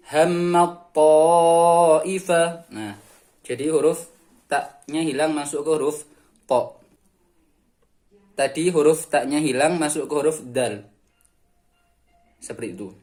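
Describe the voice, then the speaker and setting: A man giving a recitation lesson, explaining the rules in plain speech and chanting the examples slowly, trailing off softly at the ends of phrases. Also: mid-range voice. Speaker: Quran recitation teacher.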